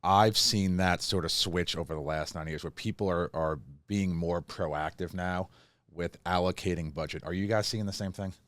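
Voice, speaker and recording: A man hosting a podcast interview, asking questions in a relaxed, conversational way. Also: low voice, normal speed, no echo. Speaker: podcast host.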